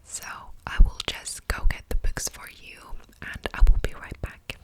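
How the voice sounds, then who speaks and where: Woman's hushed library whisper, whispered role-play. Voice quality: soft, breathy library whisper, almost entirely unvoiced. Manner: unhurried, explanatory, gently attentive. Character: patient, helpful female librarian serving a borrower. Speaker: ASMR performer playing a librarian.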